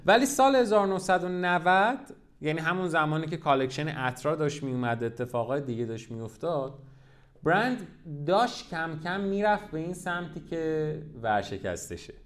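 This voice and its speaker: A man hosting a podcast, telling a brand's history in a casual, lively storytelling way with rhetorical questions. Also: fairly high pitch. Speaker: podcast host.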